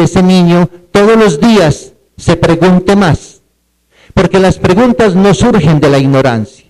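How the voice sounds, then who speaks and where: Male seminar lecturer, slightly high voice, questions the audience and spells words out. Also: a little mellow, poor audio.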